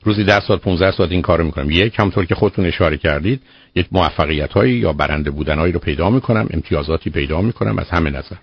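A man's voice: deep voice, creaky, breathy edge, no room sound. A man hosting a radio call-in show, giving direct, lecturing advice with pointed rhetorical questions to a caller. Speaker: radio psychologist host. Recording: muffled radio broadcast audio.

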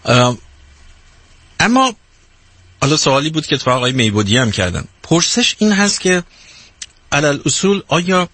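A man's voice: a little high, big pitch swings, long pauses, pushed and bright, no room sound. A man hosting an interview, asking reflective questions and often searching for his words.

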